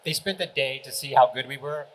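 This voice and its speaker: Animated man telling a panel story. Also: mid-range voice, a little fast, rough recording. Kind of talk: anecdote on a convention panel. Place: convention hall panel.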